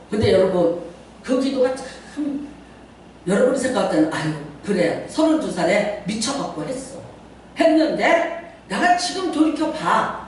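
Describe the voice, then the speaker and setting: An older woman pastor preaching a lively sermon with personal stories, laughing often and acting out the voices of people she quotes. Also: medium pitch. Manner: animated and laughing, acts out quoted prayers and voices. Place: church sanctuary. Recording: far from the mic with heavy church echo and faint noise.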